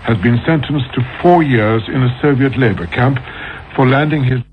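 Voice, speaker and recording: A man's voice: mid-range voice, moderate pace. A British man reading a scripted radio news bulletin in a formal, authoritative manner. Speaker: newsreader. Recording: muffled, noisy old radio broadcast.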